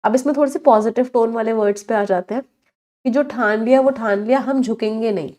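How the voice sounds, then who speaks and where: A woman with an Indian accent runs a live online exam-prep class. Her voice sits on the higher side. She quizzes the class and spells out each English word slowly and clearly. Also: darkish tone. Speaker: English vocabulary teacher.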